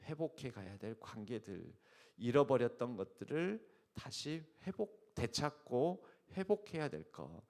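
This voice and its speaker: A man's voice: mid-range voice, very animated, unhurried, darkish tone. Emphatic male pastor preaching. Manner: emphatic, asks the congregation rhetorical questions; uses spoken fillers and restarts while explaining. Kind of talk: early-morning sermon.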